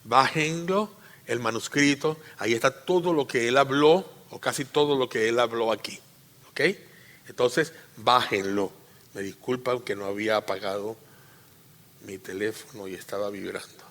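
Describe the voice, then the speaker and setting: A male pastor preaching a teaching sermon in church, repeating phrases, asking the congregation questions, and swinging between emphatic loud peaks and quiet asides. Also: medium pitch, normal speed. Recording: reverberant hall.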